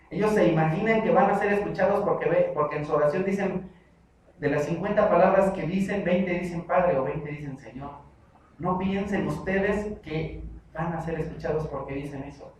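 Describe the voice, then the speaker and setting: Man, Mexican accent, pastor's sermon, emphatic, fairly high voice, heavy church echo, distant mic. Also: normal speed, slight background noise. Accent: Mexican Spanish. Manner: emphatic, repetitive preaching with mimicked prayers.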